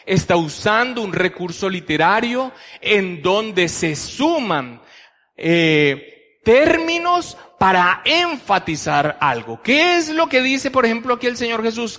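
A man's voice: high-pitched, big pitch swings, slow pace, sharp tone. A man preaching a teaching sermon, methodically explaining Bible verses and asking many rhetorical questions. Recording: long hall reverb.

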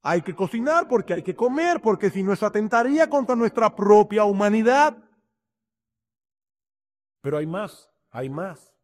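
A man's voice: high voice, big pitch swings, normal speed, pauses often. A man preaching a sermon as a pastor, reading scripture and acting out short examples with shifting emphasis.

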